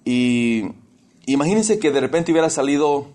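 A man's voice: fairly high pitch, lively intonation, normal speed, a little mellow. A man preaching a sermon, telling personal stories, calling listeners brothers and slipping English words into his talk.

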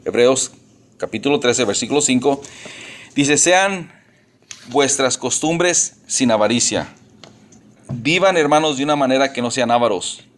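A man's voice: medium pitch, animated, unhurried, pauses often, a little hiss or hum. A man preaching a sermon to his congregation in a folksy, repetitive way, with restarts and an uneven pace. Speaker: pastor.

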